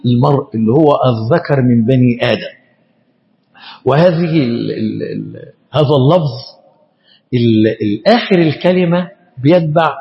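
A man with an Egyptian Arabic accent, an Islamic scholar teaching a lesson, speaking slowly and deliberately and often stumbling and repeating syllables as he explains. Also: mid-range voice, gravelly, dull audio. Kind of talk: classroom lesson explaining grammar and meaning.

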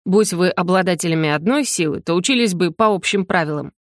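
A woman reading the part of a cold, detached male magic teacher who speaks in flat, curt, unhurried lines. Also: fairly low pitch, dry recording, studio quality, natural voice.

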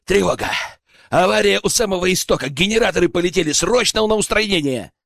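A man playing a shouting alarmed worker. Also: on the high side, very animated, normal speed, vocal fry, dry recording, studio quality, heavily acted. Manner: shouting, urgent. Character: alarmed male worker raising the alarm, grudging.

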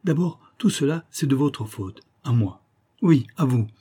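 A man reading the lines of a proud, quick-tempered young aristocratic woman in an audiobook. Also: medium pitch, warm tone, husky. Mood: indignant. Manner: haughty, quick-tempered outbursts.

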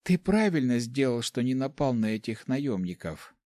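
A man's voice: medium pitch, sing-song, normal speed, mellow, no echo, studio quality, lightly acted. Young woman apprentice Nami, read by a man. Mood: calm.

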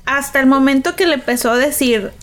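A woman's voice: high voice, fairly quick, a loud crowd. A woman with a Mexican accent chatting casually in an emphatic, slangy way. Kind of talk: casual chat.

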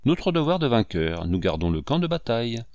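A man reading aloud, voicing a smooth, sly male gendarme captain who answers calmly and curtly. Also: mid-range voice, brisk, no room sound.

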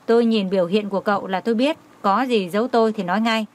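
A man's voice: high-pitched, fast, lightly acted. A woman voicing a stern young male boss who gives short, commanding orders. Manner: curt, commanding.

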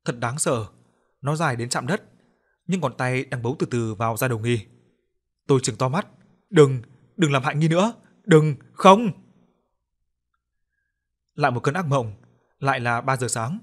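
A man narrating a story in an audiobook, with expressive storytelling. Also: mid-range voice, normal speed, pauses often. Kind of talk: scripted narration.

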